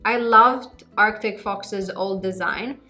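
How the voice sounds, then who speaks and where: A woman's voice: medium pitch, slow, bright, forceful tone. A woman from Malta with a Maltese accent, chatting expressively and emphatically as a beauty vlogger giving a tutorial. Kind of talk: chatty hair-dye tutorial vlog. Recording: music behind the voice.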